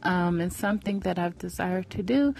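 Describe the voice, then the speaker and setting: A woman's voice: fairly low pitch, normal speed, creaky, darkish tone, soft background music. A woman in her forties giving an earnest faith-based motivational talk, preacherly and repeating phrases for emphasis. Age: 40s.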